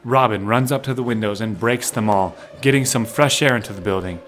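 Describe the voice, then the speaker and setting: Over faint underlying music, a fairly low-voiced man reads scripted narration for a drama, setting out the scene in the present tense. His pace is a little fast and his tone fairly bright.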